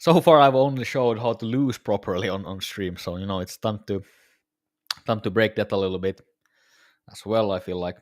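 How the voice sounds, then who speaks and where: A man's voice: lowish voice, moderate pace, dry recording, studio quality. A tired man casually talking to viewers during a live trading stream, his voice a little worn. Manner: laid-back, musing, talks to viewers. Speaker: day-trading livestreamer.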